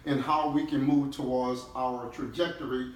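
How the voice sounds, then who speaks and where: A middle-aged man from New Orleans, the company's chief executive, motivates his staff emphatically during a team-building session, regularly checking in with short questions. His mid-range voice moves little in pitch and keeps a moderate pace, and the distant mic picks up echo and faint noise.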